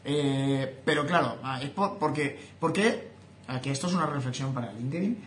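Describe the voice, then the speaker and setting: A man's voice: mid-range voice, normal speed, a little hiss or hum. A young man with a Spain Spanish accent, giving an opinionated casual vlog monologue as a social media creator, speaking straight to his viewers. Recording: roomy echo, faint ambience.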